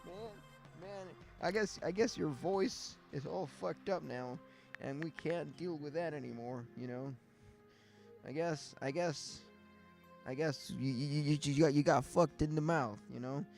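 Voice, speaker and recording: A man's voice: a little high, a little slow, gravelly, a little mellow. Rambling man hosting a casual livestream. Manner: rambling, many fillers and restarts. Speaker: livestream host. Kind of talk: casual chat. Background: faint music.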